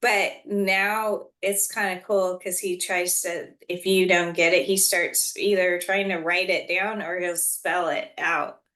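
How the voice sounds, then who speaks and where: A woman's voice: on the low side, little pitch movement, slow, few pauses, a bit bright. A woman speaking as a parent guest in a casual conversation, earnest and full of fillers.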